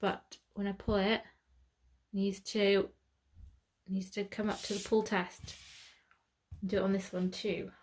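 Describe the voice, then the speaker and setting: Her medium-pitched voice is flat and a little slow, with frequent pauses, as this British woman explains sewing step by step. She chats casually, thinks aloud, and corrects herself while she works.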